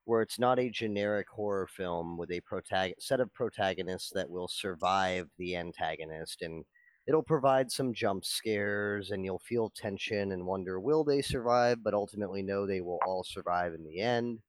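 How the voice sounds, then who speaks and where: A man's voice: deep voice, moderate pace, no room sound. A man giving an articulate, analytical take in a casual chat.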